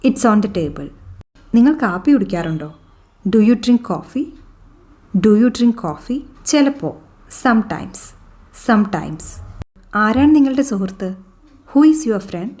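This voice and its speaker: Woman english teacher drilling phrases, says everything twice, warm mellow tone. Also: medium pitch, expressive. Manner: slow, deliberate, repeats each English sentence twice. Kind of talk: bilingual phrase drill lesson.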